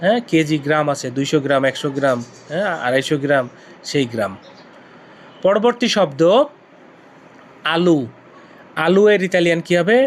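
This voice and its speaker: Male teacher from Bangladesh, slightly high voice, drills vocabulary by patient repetition. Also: expressive. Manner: repeats each word slowly several times. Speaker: language teacher. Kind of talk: vocabulary lesson.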